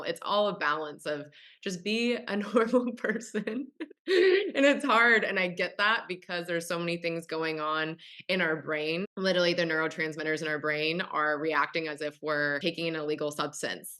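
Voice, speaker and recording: A woman's voice: low-pitched, pushed and bright. A woman hosting a casual podcast interview, frank and conversational, laughing easily. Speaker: podcast host.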